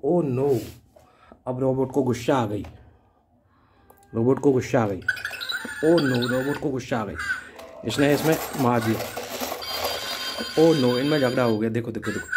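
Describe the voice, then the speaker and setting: A man narrating toy play for children, full of excited exclamations and vroom noises. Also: mid-range voice, measured pace, long pauses, slight background noise. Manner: excited exclamations and motor sounds. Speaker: toy video host.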